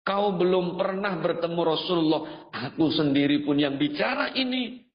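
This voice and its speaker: A man's voice: fairly high pitch, moderate pace. A man preaching a sermon as a story, acting out the figures with big swings of voice and chanted refrains. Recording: dull reverberant hall sound.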